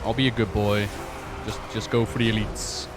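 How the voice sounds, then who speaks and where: With a lowish, fairly flat voice at a normal pace, a game streamer and lore commentator muses aloud in a loose, playful livestream ramble. Game music and effects can be heard behind him.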